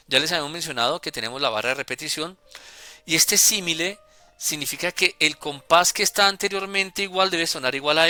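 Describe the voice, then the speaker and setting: A man calmly explaining music notation as a teacher, deliberate and with small hesitations. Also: a little high. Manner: deliberate, with hesitations and self-corrections.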